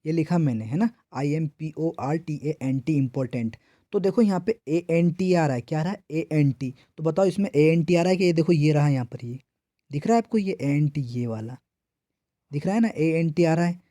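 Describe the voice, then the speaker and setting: A man's voice: on the high side, expressive, moderate pace, warm tone, no room sound, clean studio sound. A man from India teaching an exam preparation grammar lesson. He keeps asking his own questions and answering them, and he repeats each answer several times. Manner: repetitive call-and-response questioning.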